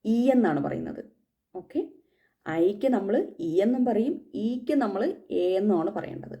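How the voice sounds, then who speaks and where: A woman with a very mellow, warm voice teaches the alphabet. She talks casually and patiently, saying each letter twice so it sticks. Her pitch sits in an ordinary middle range. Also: lively intonation, moderate pace. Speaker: German language teacher. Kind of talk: casual spoken lesson.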